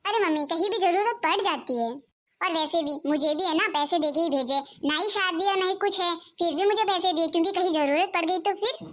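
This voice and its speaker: A woman's voice: extremely high pitch, a bit bright. A woman voicing an outspoken young married sister-in-law in a cartoon, arguing her point persuasively.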